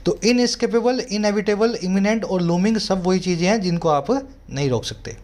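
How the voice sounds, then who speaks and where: A man with an Indian accent teaching English vocabulary, explaining each word slowly and reading example sentences in a measured way. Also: high-pitched, a little mellow. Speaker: English tutor. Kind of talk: vocabulary lesson.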